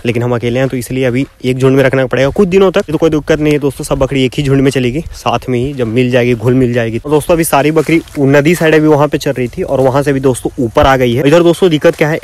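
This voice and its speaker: A man talks fast and chattily as he films his goats outdoors, recording on a phone he holds as he walks. His pitch sits in the middle range, and he keeps addressing his viewers as friends. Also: darkish tone. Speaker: goat farmer and vlogger. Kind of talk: casual farm vlog narration.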